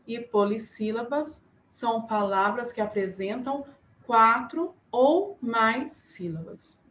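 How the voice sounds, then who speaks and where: A woman teacher giving a remote class to young pupils, slow and patient, spelling words out syllable by syllable. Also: on the high side, fairly bright tone. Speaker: primary school teacher. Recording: echoey room, faint background noise.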